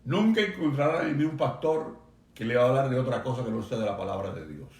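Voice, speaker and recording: A man pastor preaching a sermon to a remote congregation, earnest and emphatic, slowing down to stress key phrases. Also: mid-range voice, animated, a little mellow, roomy sound. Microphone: video stream for a remote congregation.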